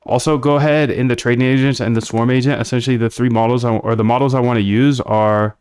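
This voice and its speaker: A man's voice: medium pitch, fairly even intonation, quick pace, darkish tone, clean tone, no room sound, studio quality. A man casually talking through his live coding stream, thinking aloud and answering chat bluntly. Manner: blunt, chatty, thinks aloud while working. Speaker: live-streaming developer of trading bots.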